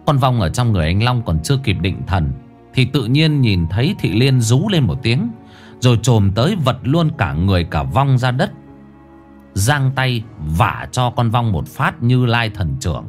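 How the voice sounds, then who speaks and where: A man's voice: medium pitch, big pitch swings, normal speed, faint music behind. A man narrating a ghost story in a colloquial, crude and dramatic manner.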